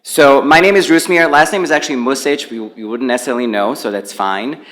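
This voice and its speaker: A man from Bosnia, not a native English speaker, giving a relaxed, conversational presentation into a handheld mic at a conference. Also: mid-range voice, fairly quick. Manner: relaxed, conversational, walks around while speaking. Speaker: panel speaker on climate finance. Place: conference venue with a live audience. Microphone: handheld microphone.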